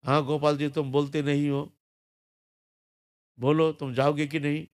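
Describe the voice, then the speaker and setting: A man's voice: on the high side, little pitch movement, measured pace, dry recording, clean studio sound, natural voice. A man voicing a poor young Brahmin who pleads and threatens a silent temple idol in a devotional story. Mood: coaxing. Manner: pleading, raising his voice in insistence.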